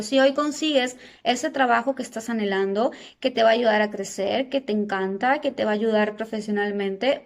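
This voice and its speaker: High-voiced woman psychologist in her thirties. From Argentina. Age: 30s. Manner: calm, explanatory, addresses viewers directly with rhetorical questions. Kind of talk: educational talk.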